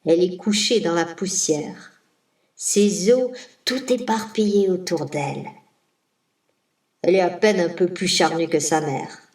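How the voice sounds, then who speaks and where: Woman storyteller, folk tale, slow rhythmic telling, roomy echo. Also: fairly low pitch, darkish tone. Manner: slow, rhythmic, savoring listed words. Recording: roomy, distant mic.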